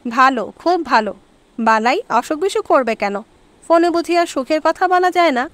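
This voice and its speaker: A woman's voice: high voice, expressive, normal speed, dry recording. A woman voicing a playful young wife who teases her husband in a storybook reading. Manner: teasing, coaxing.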